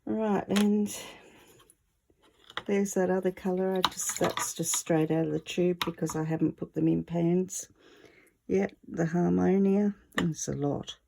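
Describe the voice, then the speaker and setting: Wheezy, slow-talking woman demonstrating crafts. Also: fairly low pitch, fairly even intonation, mellow, a little hiss or hum, rough recording. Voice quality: wheezy, breathy voice. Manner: chatty, easygoing, self-deprecating. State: short of breath. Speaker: craft tutorial presenter. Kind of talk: casual hands-on art demonstration.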